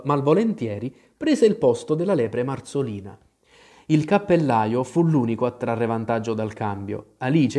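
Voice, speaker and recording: A man reading a storybook aloud as narrator, with an expressive, varied delivery. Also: medium pitch.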